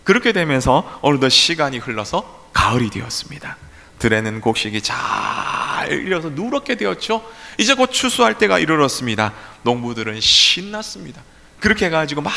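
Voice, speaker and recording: Animated male pastor preaching in an echoey hall. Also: medium pitch, moderate pace, creaky. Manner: animated preaching with rhetorical questions and acted-out voices. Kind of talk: sermon. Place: church sanctuary.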